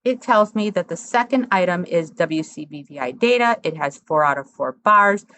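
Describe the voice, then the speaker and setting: A woman instructor talking through a software tutorial step by step, in a conversational, explanatory way. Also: fairly low pitch, animated, normal speed, dull audio.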